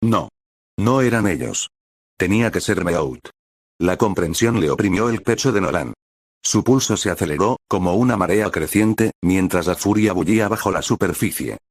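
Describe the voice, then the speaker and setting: A man reading a dramatic story aloud as a steady narrator. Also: low voice, moderate pace, no room sound. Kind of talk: scripted audiobook narration.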